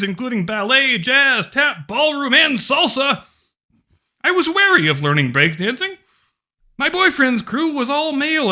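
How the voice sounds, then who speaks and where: Hammy, bright, high-voiced woman reading theatrically. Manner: hammy, theatrical stage-actor delivery with drawn-out emphasis. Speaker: host of a mocking dramatic reading. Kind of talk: dramatic reading of an academic text.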